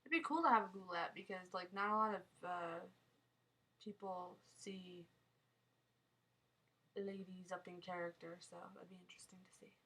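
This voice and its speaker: A woman's voice: fairly low pitch, normal speed, long pauses, bright, forceful tone, rough recording. A young woman with a nasal voice from a sinus cold, chatting casually while answering viewer questions on a live stream, rambling and laughing often. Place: home, small town.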